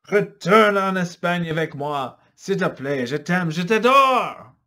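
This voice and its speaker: A hot-headed, jealous suitor from a storybook who shouts his lines and then pleads, as a man voices him. His pitch sits high and loud, and it swings widely. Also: animated, slow, exaggerated voice. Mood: pleading.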